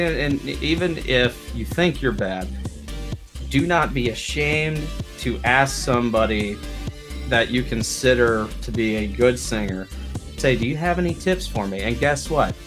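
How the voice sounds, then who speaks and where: A man appearing as a guest on a casual video interview, giving earnest advice in a relaxed way. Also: mid-range voice, measured pace, music in the background. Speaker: guest streamer.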